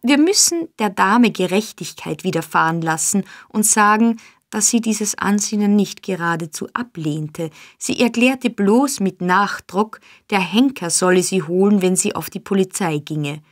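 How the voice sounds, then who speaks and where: A woman's voice: mid-range voice, dry recording. Woman narrating a classic novel, dry and close. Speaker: audiobook narrator. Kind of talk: scripted narration.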